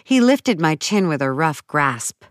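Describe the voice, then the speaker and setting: Slow, low-voiced woman narrator. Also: very animated, dry recording, clean studio sound. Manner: slow, measured and dramatic. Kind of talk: first-person audiobook narration.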